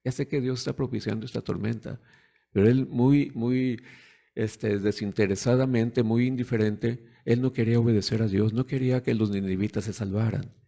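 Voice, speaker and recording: A man's voice: mid-range voice, steady tone, normal speed, vocal fry, dark tone. A man preaching a sermon in a conversational way, putting rhetorical questions to the congregation and acting out the voices of parents and children.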